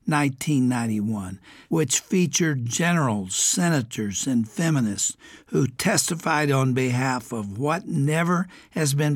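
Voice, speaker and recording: Reading a prepared letter on his radio program, this older man from the United States sounds raspy, a little strained and indistinct. He moves gravely and with deliberation, leaning on every item of each list. His voice sits mid-range, and the sound is clean studio audio with no room tone.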